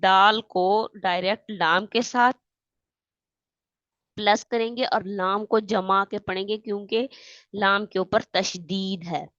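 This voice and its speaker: A woman teaching Quran reading, spelling out letters and vowel marks and then reciting the verses slowly. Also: mid-range voice, steady tone, fairly bright tone, no room sound, muffled recording. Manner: patient, keeps checking in with "theek hai". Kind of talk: step-by-step recitation lesson.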